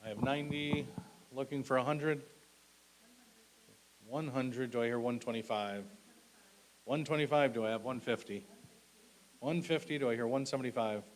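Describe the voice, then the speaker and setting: A man's voice: mid-range voice, moderate pace, long pauses, rough recording. A man working as an auctioneer at a live auction, calling bids and lots in short, clipped, repetitive phrases with polite asides. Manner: repetitive, clipped bid calls with polite thanks. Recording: clearly audible background hiss.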